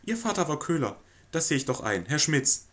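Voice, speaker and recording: A fretful middle-aged housewife, put on by a man reading a stage play aloud, pleads in a high, flustered voice. Her lines swing up and down with a lively, eager pitch. Her talk is loud and anxious, as if she cannot stop apologizing. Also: normal speed.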